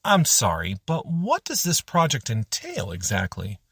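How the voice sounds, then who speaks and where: Casting: a man doing a polite, inquisitive grown man in an audiobook, husky tone. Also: mid-range voice, huge pitch swings, measured pace, a bit bright, no room sound, clean studio sound, full character voice. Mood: curious.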